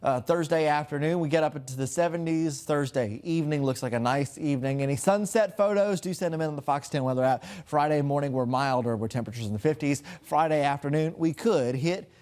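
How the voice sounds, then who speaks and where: A man presenting a TV weather forecast, with lively rising emphasis on key points. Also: a little high, fairly quick, hardly any pauses. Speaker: TV meteorologist.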